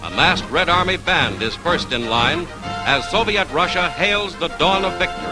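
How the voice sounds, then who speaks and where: A man's voice: on the high side, animated, normal speed, loud music behind the voice, rough recording. A man giving emphatic, declamatory narration in the style of an old 1940s wartime newsreel. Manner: emphatic, declamatory announcer delivery.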